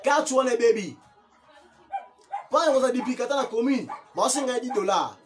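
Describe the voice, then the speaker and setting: A man's voice: very high voice, animated, moderate pace. Emphatic Congolese man mixing in Lingala. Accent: Congolese (Kinshasa), mixing in Lingala. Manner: emphatic and repetitive, stressing words over and over. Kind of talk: impassioned opinion talk.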